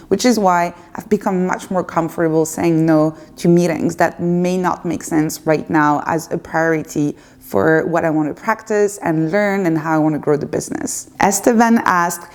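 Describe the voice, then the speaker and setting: A woman in her thirties with a French accent speaks in a lowish, darkish voice. She answers viewer questions in a candid, unscripted chat to camera at home, hesitating now and then. It's a casual Q&A filmed facing a camera.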